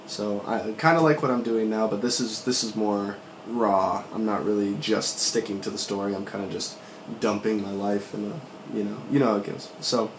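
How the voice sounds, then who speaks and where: Low-voiced man recounting dreams, roomy echo. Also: steady tone, normal speed. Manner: rambling, profane, reflective dream recounting. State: voice worn out from recovering from sickness. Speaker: vlogger. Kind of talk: casual dream-journal vlog, recounting dreams. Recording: roomy echo, faint background noise.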